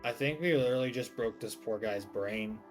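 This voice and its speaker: A man's voice: medium pitch, brisk. A man giving live game commentary as a streamer, exclamatory and prone to swearing. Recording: faint game music behind.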